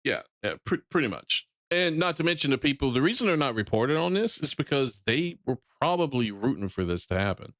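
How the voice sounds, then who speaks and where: A man's voice: mid-range voice, sing-song, brisk, few pauses, a bit bright, no echo, clean studio sound. A man with a Southern American accent streaming, ranting bluntly about games and often repeating or restarting his phrases. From Southern United States. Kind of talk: live-stream reaction commentary.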